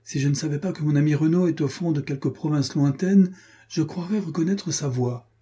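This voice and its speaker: A man voicing a proud young gentleman who speaks earnestly and resolutely. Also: a little high, a little fast, slightly rough, voice pushed up. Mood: surprised.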